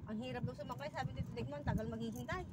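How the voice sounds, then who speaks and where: A man's voice: very high voice, steady tone, very fast, recorded from a distance, a crowd in the background. A man in his forties chatting casually in a moving car, rambling and repeating himself. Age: 40s. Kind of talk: casual chat. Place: inside a moving car on city streets. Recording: loud road noise, voice a bit off-mic.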